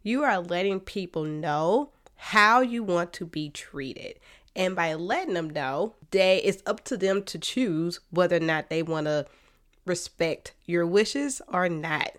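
A woman's voice: on the low side, expressive, measured pace. An American woman with a slightly nasal, stuffed-up sinus voice, giving casual, direct advice as a podcast host and therapist. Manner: informal, direct, folksy turns of phrase.

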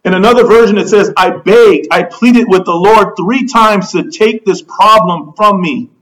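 A man's voice: high voice, normal speed, a bit bright, low-quality recording. A man preaching a sermon as pastor, passionately acting out the pleading prayers of his listeners.

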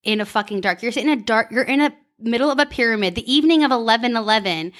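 A woman's voice: fairly high pitch, rapid-fire, a bit bright. A woman hosting a casual podcast, telling a story animatedly, laughing and acting out her own thoughts. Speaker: podcast host.

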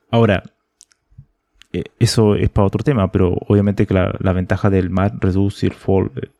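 A man's voice: fairly low pitch, gravelly, mellow, dry recording, studio quality. A man who authored a programming book, thoughtfully explaining technical ideas in a conversational way and often checking in with a questioning tag.

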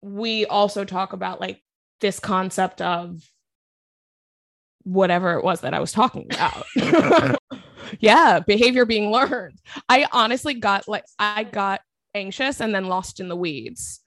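A woman's voice: medium pitch, measured pace, fairly bright tone. Chatty woman podcast clinician. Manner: chatty, loses her train of thought, many likes. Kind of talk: casual podcast chat.

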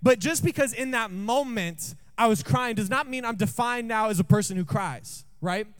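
High-voiced man preaching a jokey sermon. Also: moderate pace, fairly bright tone, clear, resonant tone. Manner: jokey, asks the room questions often. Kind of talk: storytelling sermon to a congregation. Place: church.

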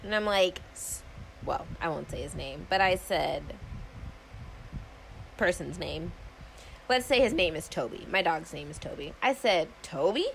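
A woman's voice: on the low side, expressive, measured pace, creaky, long pauses, a bit bright, a little hiss or hum, low-quality recording. A young adult woman casually retelling a story, candid and profane, acting out both sides of phone calls in slangy, exasperated talk.

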